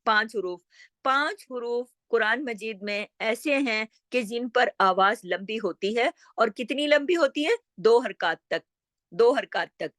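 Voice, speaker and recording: A woman's voice: a little high, expressive, a little slow, fairly bright tone, dry recording, clean studio sound. A woman teaching a tajweed lesson online, patiently explaining and repeating, often asking the viewer a question and answering it herself. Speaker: Quran recitation teacher.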